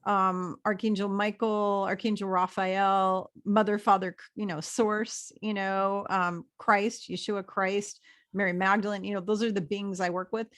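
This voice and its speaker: A woman's voice: medium pitch, level tone, measured pace, fairly bright tone. A woman guest who talks about her spiritual work in a chatty, enthusiastic, rambling way. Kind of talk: casual video interview chat.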